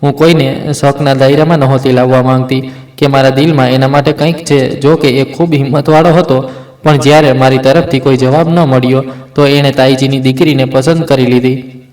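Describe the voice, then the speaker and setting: Sombre man narrating in an echoey room. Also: medium pitch. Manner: steady, sombre, with small restarts. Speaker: storyteller. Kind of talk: scripted narration of a first-person story.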